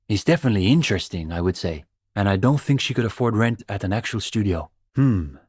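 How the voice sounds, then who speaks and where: Hesitant and diplomatic in mood, a young man performs video game dialogue as a scholarly, earnest communist student who is idealistic and a bit condescending, choosing his intellectual phrases slowly and haltingly. His voice is fairly low and a little mellow, recorded in a studio with no room sound.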